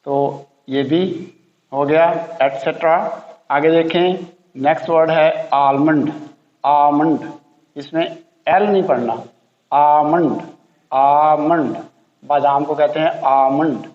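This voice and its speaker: A man teaching English pronunciation to beginners, slowly repeating each word many times. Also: a little high. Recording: roomy, echoey, dull lo-fi sound.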